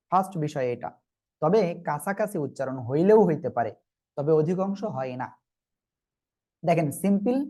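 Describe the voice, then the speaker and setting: A man's voice: a little high, darkish tone. A man teaching Arabic letters in a Quran reading lesson, patient and repetitive, often checking that learners follow. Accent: Bangladeshi Bengali. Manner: patient, repeats and checks understanding.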